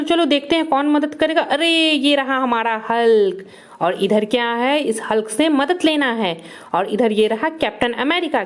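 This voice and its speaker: A woman narrating toy play for children, full of exclamations and repeated words. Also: high voice.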